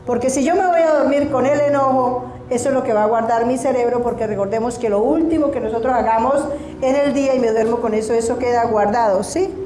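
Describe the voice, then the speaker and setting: High-voiced woman preaching. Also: a little fast, warm tone, reverberant, a little hiss or hum. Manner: emphatic, asks the congregation questions. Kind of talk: sermon. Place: church hall.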